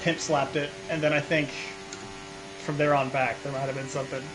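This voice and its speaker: A man's voice: mid-range voice, little pitch movement, brisk. A young man joking, swearing freely and mocking himself over casual voice chat while sim racing. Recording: noisy game audio behind voice chat.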